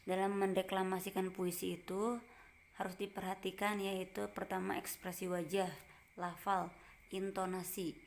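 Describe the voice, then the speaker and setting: A woman teacher giving a gentle lesson to a class, explaining step by step in short phrases and checking in with her pupils. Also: medium pitch, flat delivery, normal speed, slight background noise.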